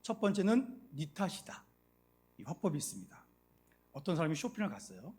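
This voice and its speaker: A man with a fairly high voice preaching a Sunday sermon. He acts out short everyday exchanges and keeps turning to the congregation with questions. His volume swings between soft asides and loud, emphatic lines. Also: very animated, a little fast. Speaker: pastor.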